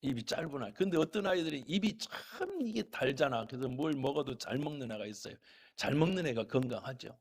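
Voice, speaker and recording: Gravelly, husky Korean pastor preaching. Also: male voice, mid-range voice, lively intonation, brisk. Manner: folksy storytelling, swinging from loud exhortation to soft asides. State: a little unwell. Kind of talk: sermon.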